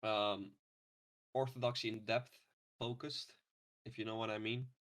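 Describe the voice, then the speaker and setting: A man in his twenties hosting a casual podcast, relaxed and hesitant with many ums. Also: fairly low pitch, measured pace. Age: 20s. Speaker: podcast host. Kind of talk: casual chat.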